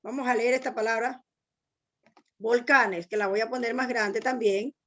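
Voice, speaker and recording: A woman's voice: a little high, steady tone, moderate pace, fairly bright tone, dull audio. A woman teacher giving an online language lesson, patiently explaining step by step and asking students to read aloud.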